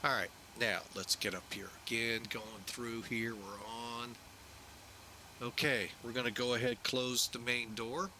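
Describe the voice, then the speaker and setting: A man's voice: mid-range voice, level tone, measured pace, sharp tone, slight background noise. A man giving casual live-stream commentary as a flight simulator host, talking himself through each checklist step.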